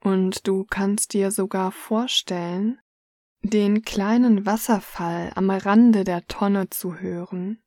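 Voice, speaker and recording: A woman reading a guided relaxation story in the second person, soft and hushed. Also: mid-range voice, steady tone, slow, dry recording, clean studio sound.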